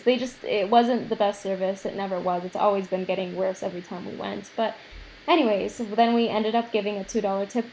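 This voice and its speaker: A woman's voice: mid-range voice, darkish tone, a little hiss or hum, poor audio. A young adult woman chatting casually, telling a story with plenty of fillers. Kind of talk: casual chat.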